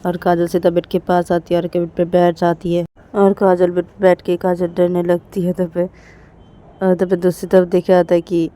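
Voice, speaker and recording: A woman's voice: lowish voice, monotone, normal speed, dark tone. A woman narrating a serialized romance story in plain, repetitive sentences.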